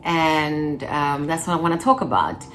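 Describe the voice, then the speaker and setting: This twenty-something vlogger speaks to camera in a low, animated voice at normal speed, her tone fairly bright, with a little hiss or hum behind her. Her talk is playful and chatty, dotted with little laughs and snatches of song.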